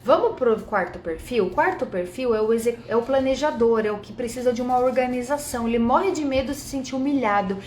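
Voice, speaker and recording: A woman's voice: a little high, expressive, fairly quick, hardly any pauses, darkish tone, roomy sound, a little hiss or hum. A woman from Brazil teaching a mentoring group live, chatty, addressing viewers directly and reading their comments aloud.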